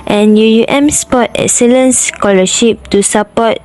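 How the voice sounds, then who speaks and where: A woman's voice: fairly high pitch, steady tone, unhurried, darkish tone, low-quality recording. A young woman reading documentary narration, listing scholarships plainly. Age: young adult. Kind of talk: read narration.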